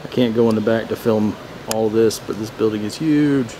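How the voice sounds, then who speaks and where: A man's voice: fairly low pitch, normal speed. A man casually narrating a road trip from inside a car, cracking dry jokes as he goes. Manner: laid-back, joking narration while driving. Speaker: vlogger. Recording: loud road and car noise.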